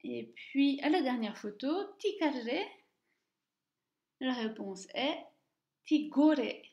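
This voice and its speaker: Patient female reading teacher, slightly high, very slow delivery, repeats words; roomy echo, muffled lo-fi recording. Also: animated. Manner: slow and careful, repeating each word twice. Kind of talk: slow, deliberate language lesson. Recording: echoey room, dull lo-fi sound.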